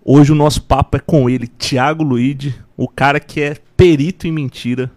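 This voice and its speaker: A man's voice: fairly high pitch, fairly even intonation, moderate pace, darkish tone. A man with a Brazilian Portuguese accent hosting a casual podcast interview, speaking in an informal, slangy, enthusiastic way. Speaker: podcast host.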